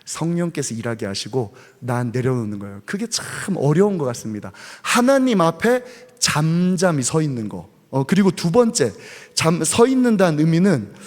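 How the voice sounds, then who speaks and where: A man with a high, light voice preaches a sermon, pressing his point with rhetorical questions and then easing into softer asides. His voice rings out in a church sanctuary with a long reverb tail. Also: big pitch swings, moderate pace. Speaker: pastor.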